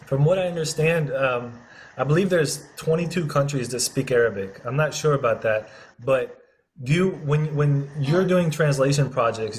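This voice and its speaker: A man's voice: medium pitch, a little hiss or hum. A man hosting an interview as the head of a translation company, friendly, laughing often and repeating words. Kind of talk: casual interview.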